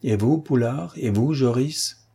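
A gentle, motherly young nurse speaking with slow, soft care, as a male reader gives her voice. The tone is mellow and a little husky, kept low and quiet. It is a storybook figure from a classic novel. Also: full character voice. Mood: caring. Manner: soft, gentle, caring questions.

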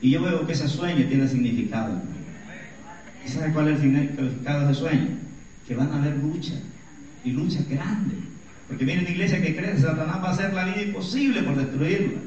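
A man's voice: on the high side, a little fast, a little mellow. A middle-aged man, a pastor who preaches an emphatic sermon, telling stories and calling the congregation brothers. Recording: echoey church hall, distant dull mic.

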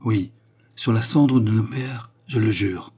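A man reading the part of a nobleman torn between rage and icy calm, in an intense, declamatory way. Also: on the low side, slow pace, breathy edge. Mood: raging vow. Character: enraged cold-blooded male nobleman.

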